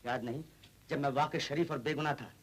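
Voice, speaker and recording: A man's voice: on the high side, a little fast, slightly rough. A bitter young man branded a convict. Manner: resentful, reproachful. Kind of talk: 1950s film acting.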